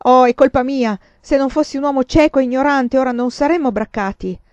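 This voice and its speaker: A woman's voice: high voice, animated, a little slow, warm tone, dry recording, pitched above the performer's own voice. A woman voicing a loyal, self-blaming male peasant on the run, talking in urgent, pleading bursts.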